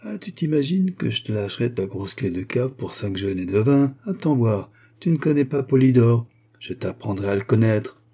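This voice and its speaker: A man reading an audiobook and voicing a hoarse, cynical male street thug who talks slangy and boastful. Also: mid-range voice, lively intonation, moderate pace, warm tone. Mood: mocking. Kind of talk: audiobook character voice.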